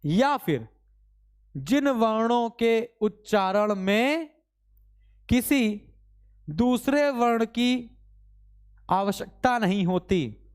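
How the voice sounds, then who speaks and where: A man teaching a live online grammar class, constantly quizzing his students with quick repeated questions and urging them to answer fast. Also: very high-pitched, lively intonation, clear, resonant tone. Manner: urges students to answer fast, mock-scolding; reads out student names from chat.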